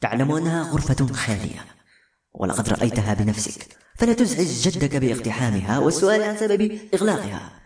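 A man's voice: mid-range voice, big pitch swings, quick pace, a little mellow, lightly acted. A man voicing a firm, caring middle-aged father who warns his son in an audiobook. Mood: admonishing. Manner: firm, admonishing. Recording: echoey room, faint music.

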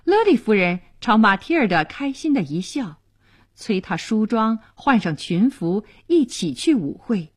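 Woman reading a story on radio, slow and breathy, lively pitch. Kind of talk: scripted story narration for radio.

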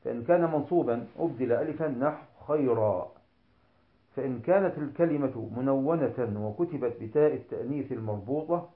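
Man, recitation teacher, deliberate, tinny phone-like sound, echoey. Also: mid-range voice. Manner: slow, deliberate explanation, with examples drawn out for emphasis. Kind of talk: tajweed lesson.

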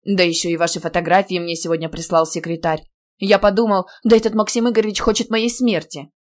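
A woman reading an audiobook, voicing an indignant, fussy middle-aged male deputy dean who scolds loudly. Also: lowish voice, level tone, fast, lightly acted. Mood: bossy. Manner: loud scolding, theatrical outrage.

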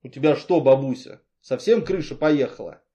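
Brash jovial boss, blunt, warm, read by the narrator. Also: male voice, medium pitch, expressive, normal speed, lo-fi sound, natural voice. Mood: mocking.

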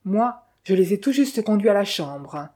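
A woman's voice: mid-range voice, lively intonation, normal speed, darkish tone, natural voice. A woman voicing a timid young male hotel porter who answers hesitantly, in a storybook reading.

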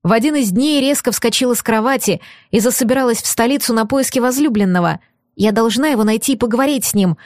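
A woman narrating a first-person audiobook in a measured, emotive reading. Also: fairly high pitch, a little mellow, no room sound, studio quality.

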